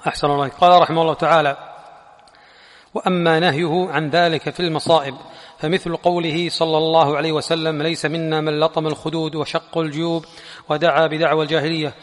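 A male student reads a classical religious text aloud for his teacher in a steady, formal manner. His voice is a little high but keeps a flat, even line. It rings with a long reverb, as in a large hall. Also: quick pace. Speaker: student reader. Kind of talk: reading a text aloud in a lesson.

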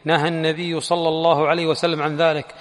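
A male student reads a classical religious text aloud for his teacher in a steady, formal manner. His voice is a little high but keeps a flat, even line. It rings with a long reverb, as in a large hall. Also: fast. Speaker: student reader. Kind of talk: reading a text aloud in a lesson.

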